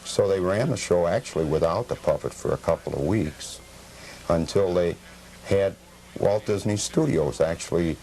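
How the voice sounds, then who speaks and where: On what sounds like an old, faintly noisy television tape, an American man with a low, dark voice speaks as a guest collector in a TV studio. His answers are factual and slightly formal, delivered with measured explanation.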